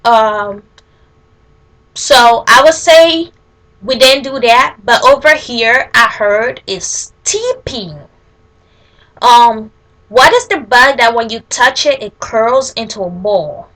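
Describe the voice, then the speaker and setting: Female vlogger, Liberian accent, bright forward tone, slow-paced informal delivery with halting restarts. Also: a little high, expressive. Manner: informal, halting, with self-corrections mid-sentence. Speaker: vlogger answering accent tag questions. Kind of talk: casual chat, answering questions aloud.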